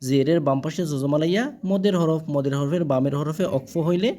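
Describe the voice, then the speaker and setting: A man teaching Quran reading, spelling out letters and vowel marks one by one. He stretches the recited words slowly and keeps checking that the learner follows. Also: a little high, dark tone. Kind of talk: spelling-out Quran lesson, call and repeat.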